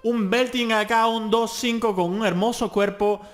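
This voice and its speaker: This young host from Latin America has a high-sitting, steady voice and talks at a normal pace. He delivers reaction commentary on a faintly audible song, full of gushing exclamations and remarks on vocal technique.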